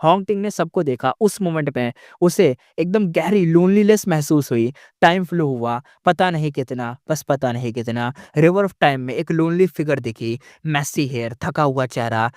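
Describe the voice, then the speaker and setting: A man's voice: on the high side, no room sound, studio quality. A man narrating a story recap in a casual, conversational way, often repeating himself and calling the listener brother.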